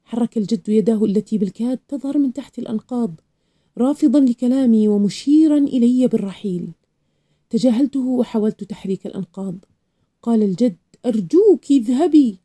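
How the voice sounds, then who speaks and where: A woman reading a novel aloud in an expressive first-person storytelling voice. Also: a little high, fast talker. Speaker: narrator.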